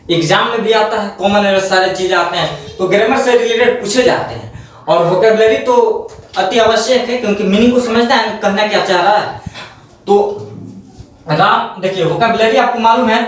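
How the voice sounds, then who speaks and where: A man's voice: sits high, fairly bright tone, slight background noise. A man teaching English vocabulary and grammar in a Hindi-medium classroom lecture, repeating words and checking in with rhetorical questions. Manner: repetitive, drills pronunciation, asks rhetorical checks. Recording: echoey room, voice from a distance.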